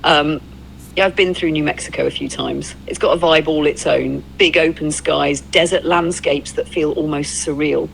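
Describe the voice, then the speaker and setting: Voicing a cheerful, laid-back travel companion, a synthetic female AI chats casually in roleplay, staying reflective and encouraging. She sounds low, creaky and animated at a moderate pace, with music in the background. The recording is rough, with slight background noise.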